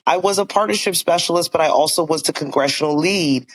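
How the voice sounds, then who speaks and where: A man's voice: a little high, fast, low-quality recording. A man in his forties from Virginia, talking earnestly and upbeat as a guest in a casual interview, with many "you know" fillers. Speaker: school board member, guest.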